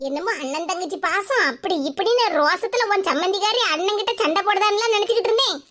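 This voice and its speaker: A woman's voice: extremely high pitch, expressive, fast, over a noisy crowd. A woman voicing a gossipy, sly older neighbour woman in a cartoon, speaking in a mocking, scolding way. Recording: loud hiss behind voice.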